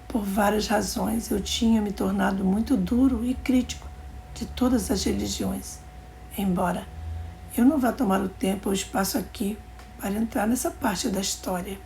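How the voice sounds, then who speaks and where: Woman narrator, mellow and slightly gravelly, for a calm, measured religious testimony reading. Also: mid-range voice, a little hiss or hum.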